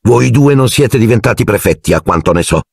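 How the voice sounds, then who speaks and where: A man voicing a bossy, proud witch mother with a brisk, scolding manner in an audiobook. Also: lowish voice, lively intonation, vocal fry, darkish tone, slightly rough, no room sound, clean studio sound, voice pushed up, heavily acted.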